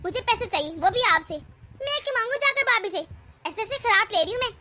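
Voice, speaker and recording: Animated cartoon: a sharp-tongued young wife, very high and bright, defiant and scolding, played by a woman. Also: brisk, a little hiss or hum, full character voice. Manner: indignant, scolding.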